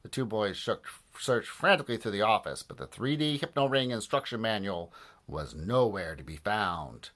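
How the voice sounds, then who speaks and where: A man reading a children's book aloud with expressive, lively storytelling. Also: fairly low pitch, normal speed. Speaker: audiobook narrator.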